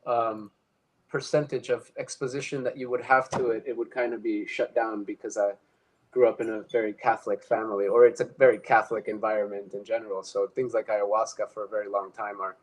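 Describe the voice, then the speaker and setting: Over poor audio, a young man from Ecuador speaks fairly quickly in a lowish, flat-sounding voice. He's a guest recounting his own story in relaxed conversation, reflective and prone to fillers and false starts.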